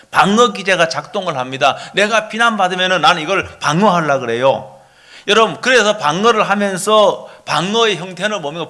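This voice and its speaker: Lively, bright-voiced preaching man. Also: high voice. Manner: animated preaching with rhetorical questions to the congregation. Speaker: pastor. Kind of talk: sermon.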